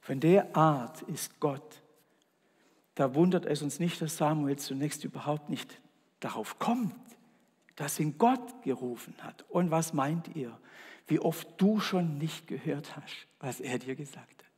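Husky-voiced pastor in a church. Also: male voice, fairly high pitch, expressive, slow. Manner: dramatic, shifts between loud calls and soft whispers. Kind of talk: sermon. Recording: long church reverb.

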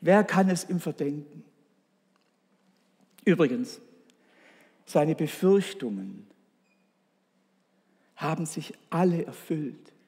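A man's voice: fairly high pitch, lively intonation, slow, creaky, long pauses, darkish tone, slightly rough, in a large hall. A man preaching a sermon, earnest and storytelling, speaking directly to his congregation.

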